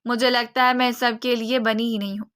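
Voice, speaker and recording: A woman's voice: on the high side, level tone, a bit bright, clean tone, no room sound, studio quality, close to an everyday voice. A woman reading a storybook and voicing a timid young woman who pleads tearfully.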